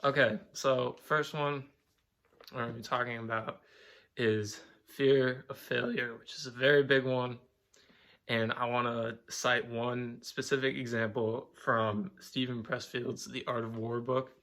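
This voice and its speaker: A man's voice: mid-range voice, fairly even intonation, a little slow, a bit bright. A young man talking to camera at home in a casual vlog monologue, rambling, swearing often and leaning on "like". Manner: rambling, profane, filler-heavy with "like". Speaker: vlogger.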